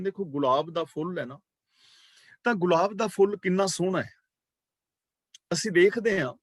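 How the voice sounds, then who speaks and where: A man teaching a scripture class, chanting verses slowly and then explaining them in a calm, measured way, repeating key words for emphasis. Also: on the high side, no room sound, clean studio sound.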